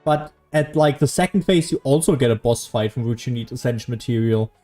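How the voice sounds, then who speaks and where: A man's voice: mid-range voice, a little fast, warm tone. A young man giving casual gameplay commentary, rambling, sweary and self-deprecating. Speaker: game streamer. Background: faint game music.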